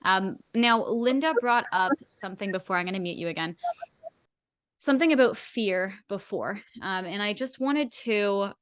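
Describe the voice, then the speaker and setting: A woman's voice: mid-range voice, normal speed, fairly bright tone, clear, resonant tone, no room sound. A woman hosting a live video stream, explaining in a friendly way and reading viewer questions aloud. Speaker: host. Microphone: video call.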